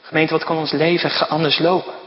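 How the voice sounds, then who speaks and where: A man's voice: fairly high pitch, little pitch movement, fast talker, dull audio, a little hiss or hum. A man preaching a sermon to his congregation, earnest and urging, with repeated direct calls to his listeners. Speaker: pastor. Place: church. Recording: church hall reverb.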